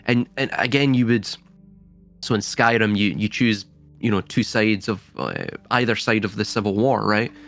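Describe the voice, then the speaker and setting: A man's voice: fairly low pitch, fairly even intonation, moderate pace, a bit bright, faint music behind. A man from Scotland, speaking reflectively in a casual philosophical conversation, often searching for words and laughing lightly now and then.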